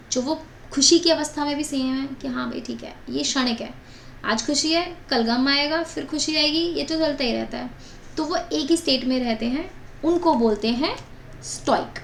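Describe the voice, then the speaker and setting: A young woman teaches vocabulary in a chatty, repetitive way with plenty of asides. Her voice sits a little high and has a gravelly edge. It is recorded in an echoey room with faint background noise. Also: moderate pace. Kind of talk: vocabulary lesson in mixed Hindi and English.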